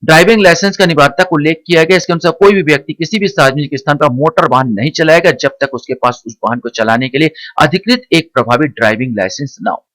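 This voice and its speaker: A male teacher giving an exam-prep lecture, explaining slowly and repeating key points as he quizzes the listener. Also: on the high side, a bit bright, no room sound. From India.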